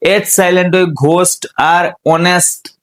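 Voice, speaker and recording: High-voiced man teaching English. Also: a little slow. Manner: lively, repeats words, asks "understood?". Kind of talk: classroom lesson.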